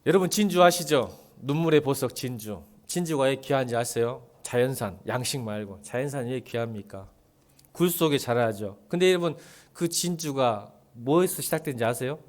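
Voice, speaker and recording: A man preaching a sermon as pastor, asking the congregation rhetorical questions and swinging between soft, low lines and loud ones. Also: expressive, normal speed.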